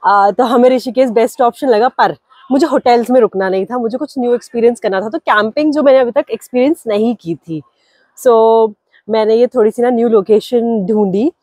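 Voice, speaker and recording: A woman's voice: fairly high pitch, a little fast, mellow, dry recording. Young woman, chatty travel vlogger, upbeat, phone at arm's length, outdoors, dry sound. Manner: chatty, upbeat, mixing English words into Hindi. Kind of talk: casual travel vlog. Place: outdoors at a campsite in the hills. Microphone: phone held at arm's length.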